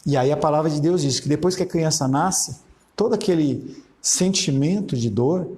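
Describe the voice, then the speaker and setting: Middle-aged Brazilian pastor preaching conversationally. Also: male voice, fairly high pitch, moderate pace, warm tone. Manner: conversational preaching, acts out quoted dialogue, frequent "entendeu?". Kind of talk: sermon.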